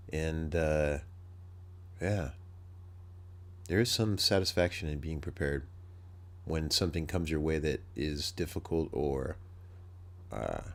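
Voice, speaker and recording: A man with a nasal voice hosting a podcast, rambling thoughtfully and thinking aloud in a casual solo talk. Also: rumbling low. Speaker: podcast host.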